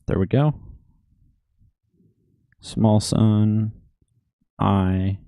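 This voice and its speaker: Low, flat-voiced man commentating on a game. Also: very slow, no room sound, studio quality. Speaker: gamer doing a playthrough.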